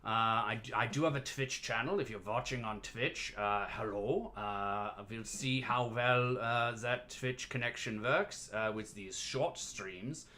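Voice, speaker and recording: On a casual livestream, a man plays a cheeky "dungeon barkeep," mixing cocktails and chatting in theatrical showman patter. His mid-range voice is pushed and bright, moving a little slowly with few pauses.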